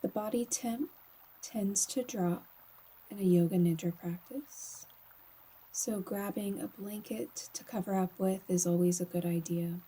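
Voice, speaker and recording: With long pauses between phrases, a woman leads a slow yoga nidra meditation. Her mid-range voice stays gentle and breathy, frequently near a whisper, and sounds calm and soothing throughout.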